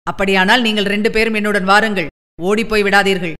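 A woman voicing a stern, gruff village farmer who speaks in a lowered, demanding voice. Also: steady tone, quick pace, bright, forceful tone, natural voice.

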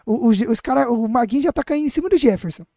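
A man's voice: very high voice, animated, quick pace, gravelly, mellow, dry recording, clean studio sound. A man, pushing his point in a sports podcast debate and urging the others to watch the replay. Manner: insistent, keeps urging others to look at the replay. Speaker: podcast panelist.

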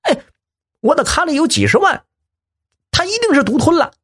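Fields: Sex: man. Figure: a desperate captive man voiced in an audiobook. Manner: desperate, shouting. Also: a little high, huge pitch swings, measured pace, creaky, dry recording, pitched above the performer's own voice, heavily acted. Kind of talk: audiobook character voice.

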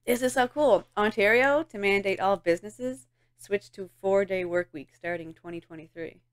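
A woman's voice: medium pitch, moderate pace, clear, resonant tone. A woman co-hosting a podcast in casual chat, giggly and rambling, filling her talk with "like" and trailing off. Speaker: podcast co-host.

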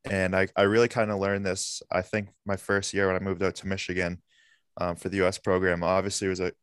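A man's voice: low-pitched, level tone, a little fast, clean tone, dry recording, studio quality. A young man from Massachusetts answering podcast questions earnestly, with frequent fillers. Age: young adult. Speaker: podcast guest, college hockey player. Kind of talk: casual interview answers.

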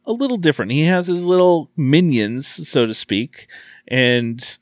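Relaxed man chatting about a film. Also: on the high side, measured pace, no echo. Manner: relaxed, laughs easily, agrees often. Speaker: podcast guest. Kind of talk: casual film discussion.

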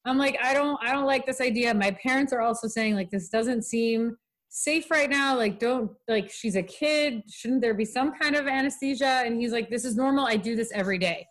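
A young woman hosting a casual chat, telling a long personal story with lively quoted voices. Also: on the high side, normal speed. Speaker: podcast host.

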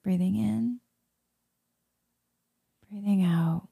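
Female meditation leader; soothing half-whispered murmur, very dark mellow tone, dry close sound. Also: mid-range voice, extremely slow, dry recording. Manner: soft, breathy, soothing spa-like murmur, often slipping into whisper. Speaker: guided meditation leader, Reiki healer. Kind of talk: soft guided meditation.

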